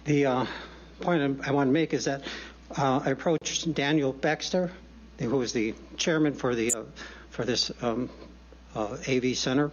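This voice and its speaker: A man's voice: mid-range voice, fairly even intonation. Breathless man testifying at a hearing. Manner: halting, many fillers and restarts. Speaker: public hearing witness. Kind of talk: public testimony. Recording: dull lo-fi hearing room audio.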